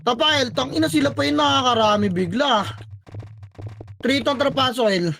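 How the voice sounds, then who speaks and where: A man leading his squad in live team voice chat during a shooter match, barking rapid commands, counting down and swearing. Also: extremely high pitch, gravelly, pushed and bright, a little hiss or hum. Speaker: squad leader calling shots.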